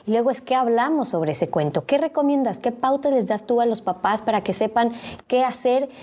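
A woman interviewer who asks long, winding questions full of small pauses and fillers. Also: fairly high pitch, lively intonation, mellow.

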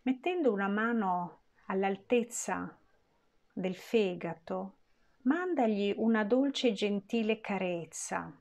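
A woman leading a guided meditation in a gentle, soothing voice with long pauses. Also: mid-range voice.

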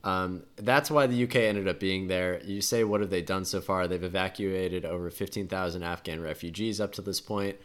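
A man co-hosting a casual politics podcast, stepping in to set the record straight. His voice is very low. He speaks plainly and matter-of-factly. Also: fairly even intonation, moderate pace, hardly any pauses, fairly bright tone. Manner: matter-of-fact, correcting with facts. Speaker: podcast co-host.

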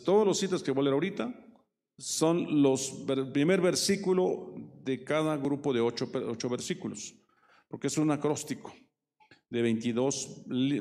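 A man with a gravelly, creaky voice preaches a Bible study sermon. He reads verses aloud and explains them, often checking in with his listeners and correcting himself as he goes. His voice rings out with a long reverb, as if in a large hall. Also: mid-range voice, darkish tone. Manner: frequent tag questions and self-corrections, leans into quoted verses.

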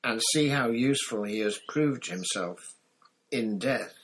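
A man voicing a cruel, snake-like male dark wizard in an audiobook, speaking with soft, hissing menace and sudden rises. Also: medium pitch, lively intonation, a little slow, voice pushed up, rough recording. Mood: mocking. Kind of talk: audiobook character voice.

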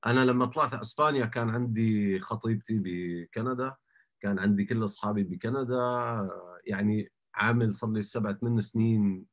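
Man, thirties, lowish pitch, conversational interview guest, English words mixed in. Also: brisk. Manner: mixes English words into Arabic. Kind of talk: casual conversational interview, giving advice.

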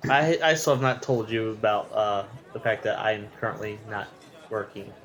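A man playing a tabletop game, speaking in character in a measured, matter-of-fact way. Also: on the low side, fairly bright tone, muffled recording. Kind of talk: casual in-character talk.

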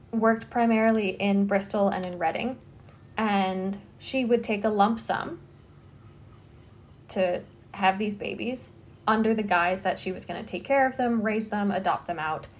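A woman's voice: medium pitch, gravelly, a little hiss or hum. A young adult woman hosting a podcast, talking through a true-crime case in a loose, conversational way with plenty of fillers. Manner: conversational storytelling, frequent "like" fillers. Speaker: podcast host. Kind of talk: casual true-crime chat.

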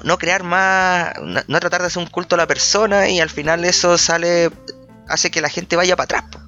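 Bright-voiced blunt Chilean man. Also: on the high side. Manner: blunt, swears freely, hesitant fillers. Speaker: podcast panelist. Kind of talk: casual political chat. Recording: dull lo-fi sound.

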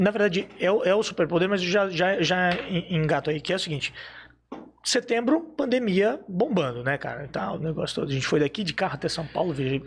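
A man from Brazil telling stories in casual chat, animated and acting out the dialogue he recounts. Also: on the high side, gravelly, slight background noise. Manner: animated storyteller, acts out quoted dialogue. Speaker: podcast guest telling stories.

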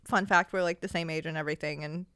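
A young woman in casual chat, talking quickly in loose, laughing stretches full of "like". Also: low-pitched, fairly even intonation, a bit bright, clear, resonant tone, dry recording, studio quality. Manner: chatty, laughing, lots of "like".

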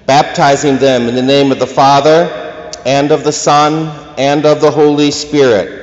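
A male priest reading the Gospel and preaching at Mass in a measured, gentle way with small restarts, his voice ringing in a cathedral echo. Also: mid-range voice. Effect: cathedral echo, long church reverb. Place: large church during Mass. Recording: echoey church hall, dull muffled sound.

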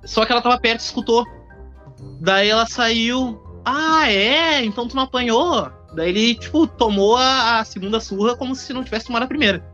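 A man, telling a childhood anecdote in a casual podcast chat, in a chatty, halting way. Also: very high-pitched, steady tone, bright, forceful tone. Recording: dull recording with faint music.

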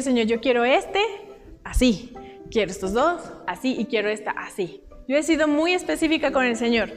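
A young woman leads a church Bible lesson, keeping it animated by asking her listeners questions. Her voice sits high. It rings with the long reverb of a hall, and faint music plays underneath. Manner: animated, asks the group questions. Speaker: Bible study teacher.

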